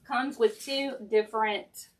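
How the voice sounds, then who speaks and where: A woman's voice: fairly high pitch, steady tone, takes it slowly. A woman with a Southern American accent hosts a casual craft livestream from home. She talks in a folksy, chatty way, addressing viewers directly and musing aloud as she works with her hands. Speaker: craft maker hosting a live stream. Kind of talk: casual crafting livestream chat, thinking aloud while working. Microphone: sensitive live-stream camera mic.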